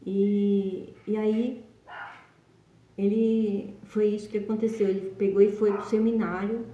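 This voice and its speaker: Brief: storyteller, woman, mellow and warm, echoey dull room, rambling casual telling. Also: medium pitch, level tone, measured pace. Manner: rambling, with frequent tag questions.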